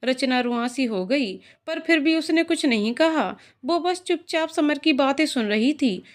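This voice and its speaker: A woman narrating a scripted emotional story in a calm, even storytelling manner. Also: high-pitched, a little slow.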